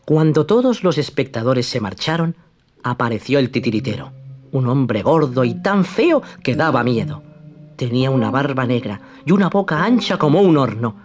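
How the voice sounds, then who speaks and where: Expressive storybook narrator. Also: medium pitch, moderate pace, music in the background. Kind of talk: storybook reading.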